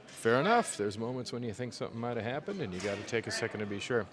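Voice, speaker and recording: A man's voice: medium pitch, lively intonation, fast talker. A man giving easygoing, casual live commentary on a stream, with muttered asides. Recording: crowd noise behind the voice.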